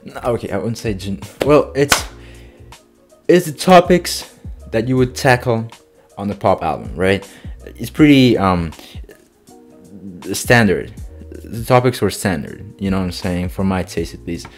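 A young man hosting a casual music reaction review, excitable and slangy, full of fillers. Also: on the low side, measured pace, long pauses.

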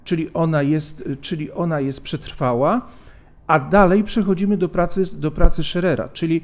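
A man's voice: on the high side, fairly even intonation. Hesitant middle-aged man lecturing at lectern. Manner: measured, hesitant with frequent fillers and restarts. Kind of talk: academic conference lecture. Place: large conference hall, at a lectern. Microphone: lectern microphone.

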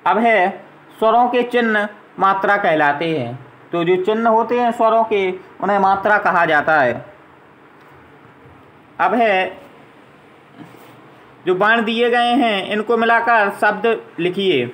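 A man's voice: high voice, takes it slowly, long pauses, fairly bright tone, poor audio. A man teaching a grammar lesson to young children, patiently spelling out letters and vowel signs one at a time.

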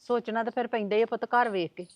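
A woman's voice: on the high side, steady tone, quick pace, darkish tone, no room sound, close to an everyday voice. A woman playing a fretful thrifty mother.

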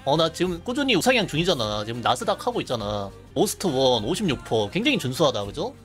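A man's voice: fairly high pitch, very animated, fast, soft background music. Chatty man streaming a game. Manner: chatty, laughing, reads chat aloud. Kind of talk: live game streaming commentary.

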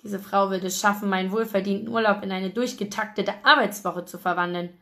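Expressive woman reading an audiobook. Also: mid-range voice, fairly quick. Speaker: audiobook reader.

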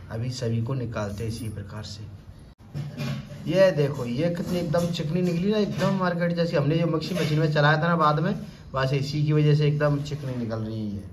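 A man in his thirties, a cooking vlogger, talks in a mid-range voice with a darkish tone, chatting with viewers like friends during a casual home cooking demo. He's filmed on a phone held close in a roomy tiled kitchen, with faint background noise.

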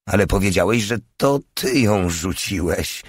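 A man voicing a foul-mouthed, quick-tempered soldier. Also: deep voice, lively intonation, slightly rough, no echo, studio quality, full character voice. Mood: mocking, angry. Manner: coarse, mocking, swearing. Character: tough crude male soldier, short-tempered.

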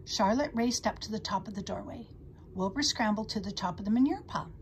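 A woman reading a children's storybook aloud, expressive and animated. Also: mid-range voice, brisk, a little hiss or hum. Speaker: audiobook reader. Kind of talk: storybook read-aloud narration.

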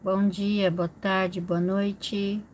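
Slow-talking woman greeting her live viewers. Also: medium pitch, level tone, darkish tone, slight background noise, poor audio. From Brazil. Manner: slow, chatty, greets viewers by name with frequent small laughs. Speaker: livestream host. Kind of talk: casual live chat reading viewer comments. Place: indoor home room with a fish tank.

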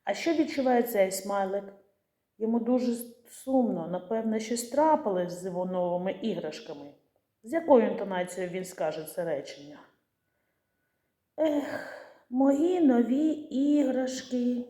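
A woman teacher giving a patient, gentle lesson to young children, asking them questions and answering for them. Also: mid-range voice, fairly quick, reverberant.

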